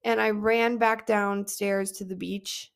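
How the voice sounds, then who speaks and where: A woman's voice: mid-range voice, little pitch movement, takes it slowly. A young woman hosting a personal podcast and coaching other women, telling a story in an earnest, reflective way and often repeating words as she thinks. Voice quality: vocal fry.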